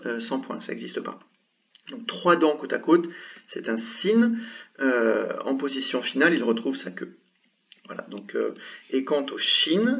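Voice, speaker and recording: A man teaching an Arabic lesson, explaining patiently and sounding out example syllables slowly with many hesitations. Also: medium pitch, fairly bright tone. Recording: dull sound from a distance from the mic.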